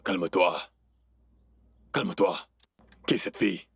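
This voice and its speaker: A calm, measured king in a French film dub, soothing his wife. His voice is low and husky. The recording is dry. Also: no echo, exaggerated voice. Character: calm soothing king, middle-aged husband.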